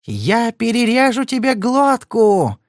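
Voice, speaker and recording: A man's voice: fairly high pitch, very animated, fairly quick, no echo, clean studio sound, voice pushed up. A male reader voicing a furious young gangster's woman who shrieks and mocks. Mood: shrill, scornful. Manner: shrieking, scornful.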